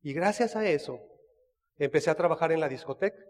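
A man's voice: on the high side, brisk, long reverb tail. A man with a Mexican accent casually telling a personal story, chatty, restarting his sentences and turning to his listener with asides.

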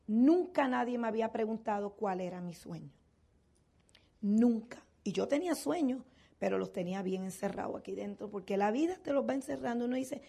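A woman's voice: fairly high pitch, gravelly, a little mellow. An older woman giving a motivational seminar talk to a business audience. She asks rhetorical questions and then answers them herself.

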